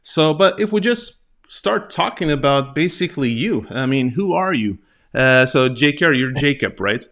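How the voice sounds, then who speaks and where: A man hosting a casual interview, asking questions in a halting way and often rephrasing them. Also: medium pitch, lively intonation, fairly bright tone. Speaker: interviewer, host.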